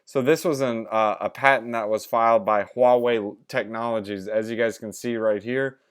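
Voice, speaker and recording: Young crypto bro dude doing a coin review vlog, really clean voice, slangy and hyped, chatty. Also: male voice, mid-range voice, steady tone, moderate pace, smooth. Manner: crypto bro hype, informal slangy asides. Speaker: crypto channel host.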